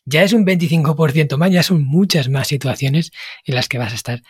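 Guy hosting a podcast, bit husky, dry close sound, explains stuff chatty. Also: fairly high pitch, a little fast, no echo. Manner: explanatory, thinks aloud with restarts. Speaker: podcast host. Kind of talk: conversational podcast interview.

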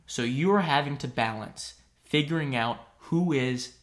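A man's voice: medium pitch, normal speed. Male podcast host, probing questions. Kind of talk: interviewing.

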